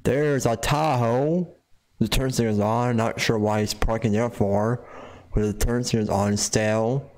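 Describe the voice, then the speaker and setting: Slow, rambling man narrating his gameplay. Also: fairly low pitch, flat delivery, a little mellow. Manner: puts on a self-mocking southern drawl at times. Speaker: gamer streaming live. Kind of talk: casual live game commentary.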